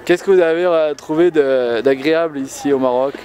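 A man's voice: on the high side, fairly quick, a little mellow. A man off camera asking playfully formal, reporter-like interview questions outdoors.

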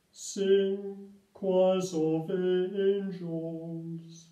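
An older male priest chanting and praying the liturgy slowly and solemnly, recorded by a far camera in a small indoor room. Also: high voice. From England. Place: small room set up as a home altar, indoors. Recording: echoey, distant, dull lo-fi sound.

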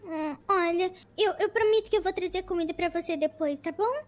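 A woman playing a pet shop worker, soft, apologetic and tearful. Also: very high voice, a little fast.

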